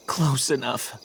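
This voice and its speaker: A man's voice: medium pitch, fairly bright tone, a little hiss or hum. A man playing a florid, dramatic middle-aged drama teacher in a video game, with a pompous, theatrical way of talking. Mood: approving. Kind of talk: video game character acting.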